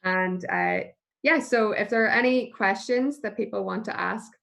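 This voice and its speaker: A woman's voice: medium pitch, vocal fry. Woman hosting over a video call. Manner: warm, grateful, brisk moderating. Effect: heard over a video call. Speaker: event host.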